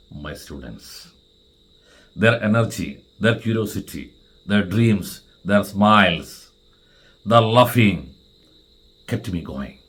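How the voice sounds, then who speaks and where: A middle-aged man with an Indian accent and a deep, low voice delivers a formal farewell address. He speaks earnestly as a vice principal, setting out deliberate phrases and repeating words for emphasis. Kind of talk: farewell speech.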